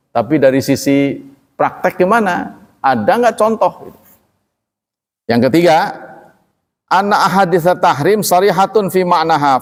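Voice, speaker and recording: A man with an Indonesian accent giving a religious lecture in lively style, reading out Arabic texts and acting out quoted voices. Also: medium pitch. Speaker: Islamic teacher. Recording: long hall reverb.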